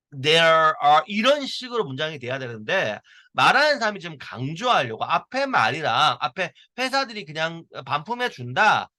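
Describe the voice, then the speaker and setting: Lively bright-voiced male English teacher. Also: on the high side, dry recording. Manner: explanatory, reads English lines slowly, demonstrates pronunciation. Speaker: high school English teacher. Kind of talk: recorded grammar lecture.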